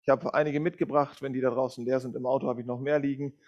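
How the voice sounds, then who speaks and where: A man's voice: medium pitch, little pitch movement, quick pace, dull audio. A middle-aged man preaching a sermon in an informal way, with many fillers and self-corrections. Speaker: guest preacher from a Bible school. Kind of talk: sermon with a read-aloud story.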